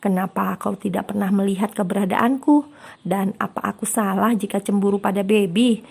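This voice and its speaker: A woman's voice: medium pitch, fairly even intonation, normal speed, vocal fry, breathy edge. A woman voicing a sad jealous young fiancée. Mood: wistful. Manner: soft, sorrowful murmuring.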